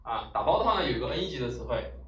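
A man's voice: mid-range voice, big pitch swings, fairly bright tone, highs cut off, slight background noise. Man teaching vocabulary in a roomy space. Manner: frequent drawn-out "啊" and "哎" fillers, rhetorical questions. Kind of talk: explaining Japanese vocabulary in Chinese. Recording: roomy echo, mic at a distance, faint ambience.

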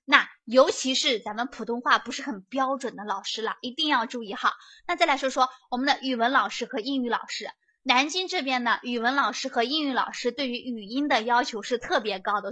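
A woman giving a lively prep lecture, chatty and often checking that students follow along. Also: fairly high pitch. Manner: chatty, keeps asking students to confirm.

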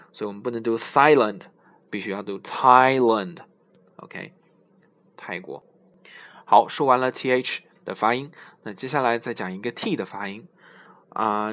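A man giving a pronunciation lesson, explaining in Chinese and slowly modelling English words several times. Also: lowish voice, a bit bright. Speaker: English teacher.

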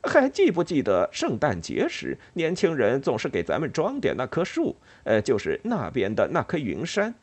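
A man voicing a forgetful old male grey squirrel who rambles quickly and wistfully in a storybook reading. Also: medium pitch, wildly swooping pitch, breathy edge, heavily acted.

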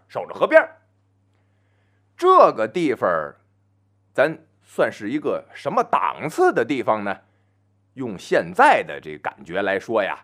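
A man telling a traditional folk story on his own, chatty and full of asides, slowing down to chant opening verse. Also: mid-range voice, a bit bright. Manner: chants verse slowly and grandly.

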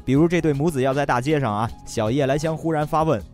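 A man with a Northeastern Mandarin accent hosting a radio comedy, telling stories in a teasing, lively way. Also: on the high side, fast. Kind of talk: comic storytelling. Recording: faint background music.

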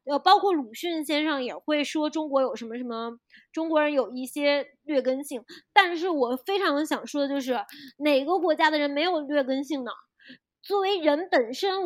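A woman's voice: high-pitched, dry recording. A woman from China, co-hosting a podcast and talking in a casual, emphatic and impassioned way. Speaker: podcast co-host. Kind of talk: casual conversation.

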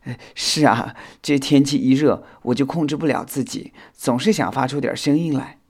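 A man's voice: medium pitch, moderate pace, pitched above the performer's own voice, lightly acted. A man voicing a clumsy, sulky male insect in a children's audio storybook, talking in a whiny, apologetic way.

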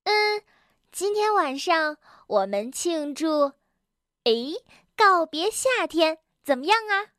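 A woman voicing a timid, excitable male rabbit in a children's storybook, with a squealing, flustered and whiny manner. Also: very high voice, slow, no room sound, studio quality, full character voice. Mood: cheerful.

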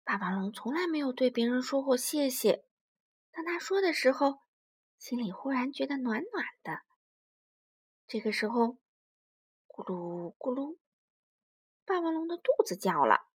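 A woman narrates a children's story in a high, bright voice. Her delivery is very animated and expressive, swooping up and down, and she voices the story's sound effects herself. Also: normal speed, slightly rough.

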